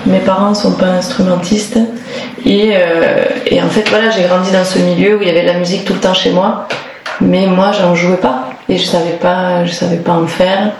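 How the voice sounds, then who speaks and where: Her delivery flat and her speed normal, a lowish-voiced woman, a singer from near Toulouse in southern France, chats informally in an interview. She comes across as hesitant and reflective, with frequent restarts and fillers while hunting for words. Echo fills the room and background noise is clear.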